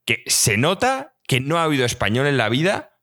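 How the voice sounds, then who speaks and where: A man's voice: medium pitch, wildly swooping pitch, normal speed, a bit bright. A man with a Spain Spanish accent, arguing emphatically and swearing a lot as a podcast co-host in heated casual chat.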